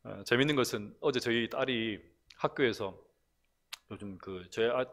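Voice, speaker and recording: A middle-aged man from the Gyeongsang region of Korea with a Gyeongsang accent, preaching a conversational sermon in church and telling stories with animated asides. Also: mid-range voice, normal speed. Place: church, recorded from broadcast room.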